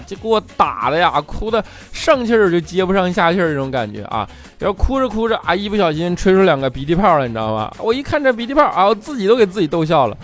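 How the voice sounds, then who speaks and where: A man telling comic stories as a host, jokey and lively, acting out quoted people in raised voices. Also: a little high. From Northeast China. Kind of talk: comic storytelling monologue.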